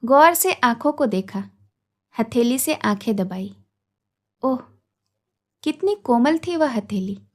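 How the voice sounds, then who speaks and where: A woman storyteller reading a literary story aloud in a measured, expressive way, voicing its characters as she goes. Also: a little high.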